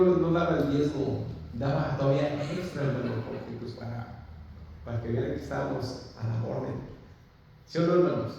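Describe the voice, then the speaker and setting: A man's voice: mid-range voice, gravelly, mellow, dull audio, slight background noise. A man preaching a sermon, fervently addressing the congregation as brothers and reading scripture aloud with emphasis. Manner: fervent, repeating "hermanos" often. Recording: echoey hall heard from a distance.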